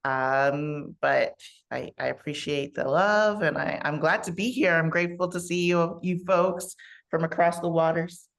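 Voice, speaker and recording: Low, gravelly-voiced woman guest. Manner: measured, reflective, with frequent pauses and fillers. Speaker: kettlebell coach, podcast guest. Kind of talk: casual interview conversation.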